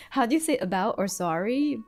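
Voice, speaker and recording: Giggly woman with a lively voice. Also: on the high side. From United States. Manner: giggly, chatty, trails off and restarts. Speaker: streamer. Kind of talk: casual livestream chat while drawing.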